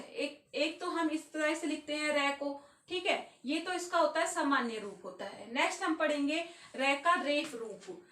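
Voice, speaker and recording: Woman, schoolteacher, high voice, step-by-step explaining, echoey room, distant mic. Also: fairly bright tone. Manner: explains step by step, keeps asking "ठीक है"; addresses pupils as children. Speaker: school Hindi teacher. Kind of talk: classroom grammar lesson.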